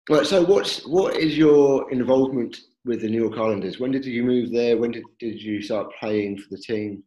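A man hosts a podcast interview in a friendly, easygoing way, often stopping to restart his questions. His voice sits at a middle pitch for a man. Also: normal speed, mellow, echoey room, poor audio. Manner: friendly, hesitant with fillers and restarts.

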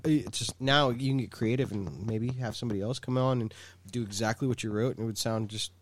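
A man's voice: on the low side, fairly quick. A man, co-hosting a casual podcast chat, rambling with lots of filler words and swearing. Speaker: podcast co-host.

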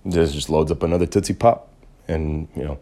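A man hosting a podcast, talking in a rambling, joking casual monologue with big swings in pitch. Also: a little fast, mellow. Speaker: podcast host.

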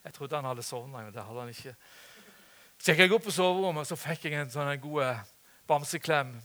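Older man preaching with earnest swings. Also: on the high side. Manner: earnest, swings from soft near-whispers to loud emotional calls. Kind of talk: sermon.

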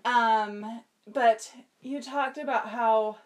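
Casting: woman, slightly high voice, conversational podcast guest, informal and animated storyteller. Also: extremely slow, a little hiss or hum. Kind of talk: casual chat.

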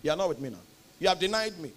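A young Nigerian man with a Nigerian accent preaching a sermon, emphatic, with loud bursts on key words. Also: high-pitched, big pitch swings, rapid-fire. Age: young adult.

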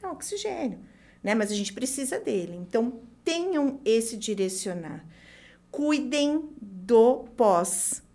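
A Brazilian woman with a fairly high-pitched voice speaks as a guest trainer. She explains in a conversational but didactic way, leaning on key points and repeating them for emphasis. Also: big pitch swings, takes it slowly, dark tone. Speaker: guest hair-salon service trainer.

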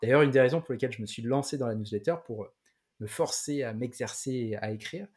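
A man chatting casually on a podcast, mid-pitched, halting now and then to search for a word and starting his sentences over. His delivery stays loose and conversational, with many small fillers. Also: a little mellow. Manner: hesitant, many restarts and fillers. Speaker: podcast co-host.

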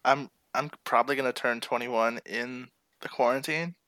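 A man of twenty on a casual podcast, joking in a deadpan way. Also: medium pitch, moderate pace, dry recording. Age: 20s. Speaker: podcast co-host. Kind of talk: casual chat.

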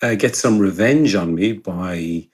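A man with a west of Ireland accent chatting casually in a relaxed, wry, joking way. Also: sits low, unhurried, husky. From Galway, west of Ireland. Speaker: podcast co-host. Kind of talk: casual chat.

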